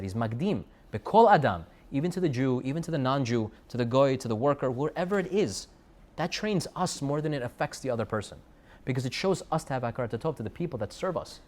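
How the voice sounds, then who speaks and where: American guy giving a torah class, kinda high voice, asks lots of questions, animated. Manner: animated, rhetorical questions, sprinkles Hebrew and Yiddish terms. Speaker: rabbi teaching Torah.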